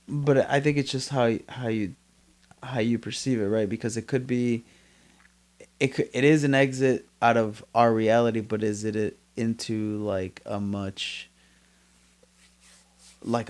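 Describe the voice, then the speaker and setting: A man's voice: medium pitch, unhurried, pauses often, darkish tone. A man co-hosting a casual podcast, speaking hesitantly and often trailing off mid-thought. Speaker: podcast co-host. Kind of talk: casual chat.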